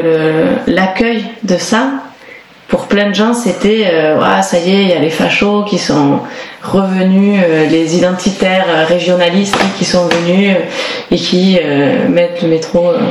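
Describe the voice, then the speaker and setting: This lowish, darkish female voice belongs to a singer from around Toulouse in southern France, who talks unhurriedly and with fairly even intonation. Chatting casually in an interview, she hesitates thoughtfully, restarting often and filling pauses. Roomy echo and clear background noise come through.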